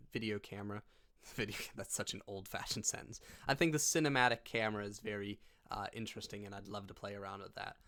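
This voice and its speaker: A man's voice: lowish voice, fairly bright tone. A man hosting a casual reaction vlog, talking in a goofy, rambling way. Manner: goofy and rambling, laughs often. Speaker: YouTuber.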